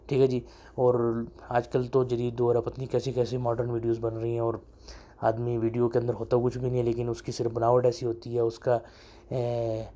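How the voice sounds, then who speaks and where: A man teaching in a casual spoken lesson, repeating them slowly and often checking "okay?". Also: mid-range voice, warm tone. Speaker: Arabic teacher.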